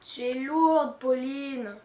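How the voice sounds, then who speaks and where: A woman's voice: high-pitched, very slow, warm tone, echoey room, distant mic. A woman reading a storybook aloud, voicing a grumpy young girl who whines and grumbles about her little sister. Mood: grumbling. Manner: whiny, grumbling complaints. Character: grumpy young girl, sulky and put-upon.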